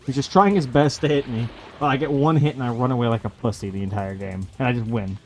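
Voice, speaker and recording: A man's voice: medium pitch, fast talker. A man hosting a let's play with casual, sarcastic, sweary commentary and plenty of complaints. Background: video game music.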